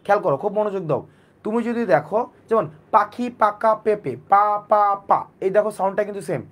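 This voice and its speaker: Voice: medium pitch, fast. Repetitive teacher drilling sounds. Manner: repetitive, drills sounds over and over, asks and answers own questions. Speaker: English teacher. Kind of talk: live online class lecture.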